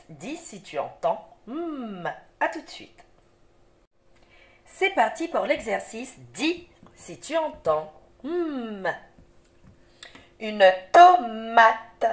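Woman, teacher, slow, clear reading lesson for small children, lively pitch, encouraging. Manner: patient, encouraging, addresses the child directly. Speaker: primary school teacher.

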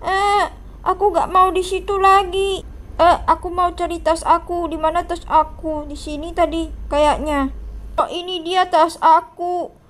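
A woman's voice: very high voice, steady tone, a little slow, fairly bright tone. A woman voicing a teased, lonely monster schoolkid with a whiny, plaintive way of talking in a game role-play.

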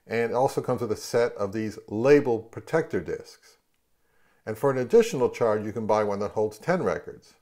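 A man in his fifties with a fairly low, darkish voice chats casually and offhandedly, like someone hosting a home product review vlog. He runs the channel and collects records, and he's speaking indoors at home, moving between the living room and kitchen.

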